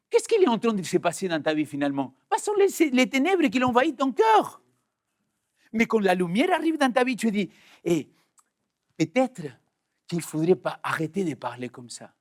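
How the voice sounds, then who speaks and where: A man, a pastor, preaching a sermon to his congregation, animated and direct, with sudden jumps in pitch for emphasis. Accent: French-speaking Swiss.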